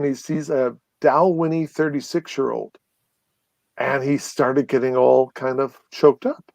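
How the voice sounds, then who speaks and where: A man speaking at an ordinary pitch, telling stories as a guest on a live show. He rambles and restarts, with lots of ums and uhs. The sound is dry and close, with no room around it. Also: no echo. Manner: rambling, animated, many fillers and restarts. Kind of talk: casual storytelling chat.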